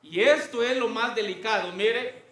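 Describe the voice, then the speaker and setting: High-voiced, bright male preacher. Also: normal speed, reverberant. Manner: asks the congregation questions often. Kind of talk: sermon.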